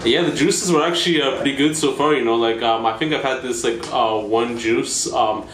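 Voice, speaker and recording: A man's voice: medium pitch, moderate pace, fairly bright tone. A young man hosting an interview who asks long, rambling questions filled with "like" and other fillers. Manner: rambling, heavy use of filler "like". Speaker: interview host. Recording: roomy echo, faint background noise.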